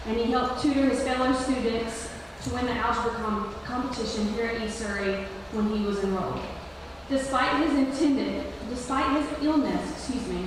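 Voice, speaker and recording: A woman presenting a scholarship at a school ceremony, reading prepared remarks as a podium speech. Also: on the high side. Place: large echoey room at a school ceremony. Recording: echoey hall, distant mic, clear background noise.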